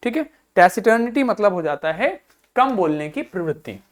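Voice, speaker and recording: A patient woman teacher explains word meanings to school children and goes over each point several times. Her pitch rises and falls a great deal from phrase to phrase. She spells suffixes out letter by letter. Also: expressive, normal speed. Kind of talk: online vocabulary class for school children.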